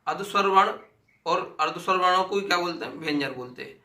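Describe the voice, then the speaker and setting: A man's voice: high voice, fast, pushed and bright, roomy sound. A man teaching an exam-prep grammar lesson, repeating sounds aloud and asking and answering his own questions.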